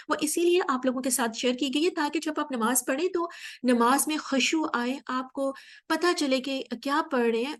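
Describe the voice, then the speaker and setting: A woman giving a patient, explanatory religious lesson, often pausing with hesitations. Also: high-pitched. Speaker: religious teacher. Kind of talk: Islamic lesson.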